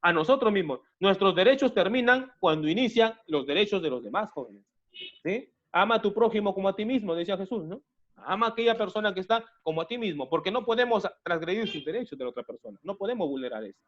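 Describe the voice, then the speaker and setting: In an online lesson, a Peruvian teacher repeats himself, restarts frequently, and keeps calling his students "jóvenes," meaning young people. His high-pitched voice is expressive and a bit bright at a quick pace, though the audio is dull.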